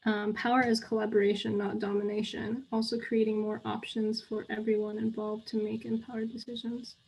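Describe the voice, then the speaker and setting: A woman co-facilitating a live online training over a video call, calmly thanking participants and moving things along. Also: a little high, fairly quick, gravelly, husky, rough recording. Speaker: workshop facilitator.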